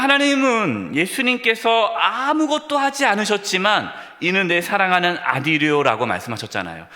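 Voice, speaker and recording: A man's voice: on the high side, pushed and bright. A man preaching a sermon as pastor to his congregation, speaking to them directly and with emphasis, in a church sanctuary. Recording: long reverb of a church hall.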